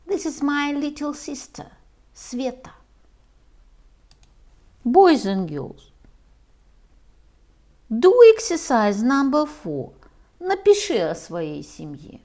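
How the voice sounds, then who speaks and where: A woman reading a homework lesson aloud for young children, slowly and carefully, as their English teacher. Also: high-pitched, big pitch swings, mellow.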